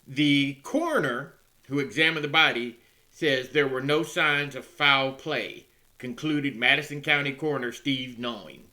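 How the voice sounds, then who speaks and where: A man hosting a casual news commentary show, musing wryly over odd stories and often clearing his throat. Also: mid-range voice, fairly even intonation, measured pace, pushed and bright.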